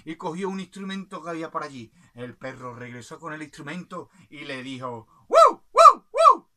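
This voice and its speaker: A man with a Spanish accent telling an animated children's story, playfully imitating animal sounds and laughing along. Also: a little high, brisk.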